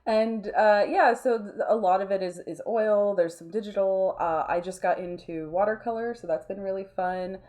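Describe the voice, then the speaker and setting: Appearing as an interview guest, an artist and voice actor speaks at a moderate pace with few pauses in a darkish, mid-range voice. Her manner is casual and thoughtful, with many restarted sentences.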